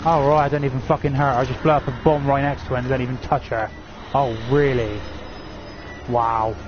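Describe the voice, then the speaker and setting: A man's voice: medium pitch, steady tone, a little fast, music in the background. A man streaming a horror game live, swearing and grumbling at the game to his viewers. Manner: frustrated, swearing, talking to viewers. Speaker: gaming streamer. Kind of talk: live gameplay commentary. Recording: dull lo-fi stream audio with game noise.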